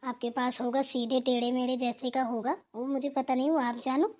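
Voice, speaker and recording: A woman's voice: high voice, fairly even intonation, normal speed, darkish tone, lightly acted. A woman voicing a rude, lazy younger sister-in-law in a cartoon, who snaps bluntly and keeps asking "right?". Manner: blunt, scolding, repeats "theek hai na". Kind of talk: cartoon voice acting.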